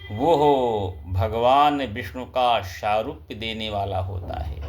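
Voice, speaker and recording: A man giving a devotional scripture discourse as a pandit, speaking reverently and chanting Sanskrit verses. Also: mid-range voice.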